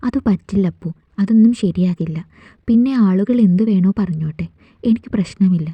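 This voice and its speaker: A woman's voice: mid-range voice, moderate pace, breathy edge, dry recording. A woman voicing a tender, shy young village woman who brushes off teasing in a storybook reading, on a dull, dry recording. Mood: earnest.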